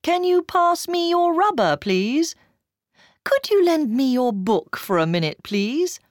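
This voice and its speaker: A woman's voice: high voice, sing-song, slow, no echo, clean studio sound, pitched above the performer's own voice, exaggerated voice. A woman putting on the voices of overly polite, apologetic English people in a storybook reading, sing-song and exaggerated. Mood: chirpy polite.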